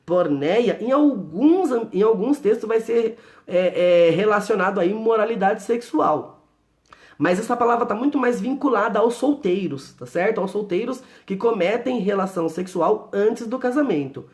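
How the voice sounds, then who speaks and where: Lively high-voiced man teaching the Bible. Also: moderate pace. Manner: explanatory, checks in with listeners often; reads from the Bible and answers viewer comments.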